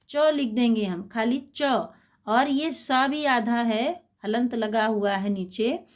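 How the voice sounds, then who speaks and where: A woman teaching a Sanskrit lesson to schoolchildren. She is patient and spells out words slowly, repeating them. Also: on the high side. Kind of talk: slow explanatory lesson for schoolchildren.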